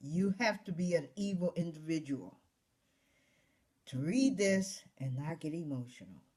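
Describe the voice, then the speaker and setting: A woman reading Bible verses aloud and pausing to reflect on them with emotional emphasis, as a Bible study teacher. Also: low voice, expressive, mellow, breathy edge. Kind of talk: scripture reading with commentary.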